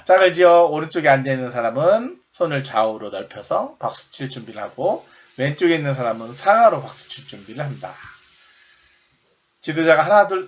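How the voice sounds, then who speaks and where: Man explaining games, dull lo-fi sound. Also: on the high side. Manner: explains step by step, repeats and rephrases; shouts sample game calls. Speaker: recreation instructor. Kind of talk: recorded lecture.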